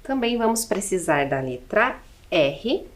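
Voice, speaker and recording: A woman with a Brazilian Portuguese accent teaches a children's lesson at a slow, unhurried pace. Her pitch rises and falls in a lively, animated way as she counts aloud step by step. She keeps asking gentle rhetorical questions.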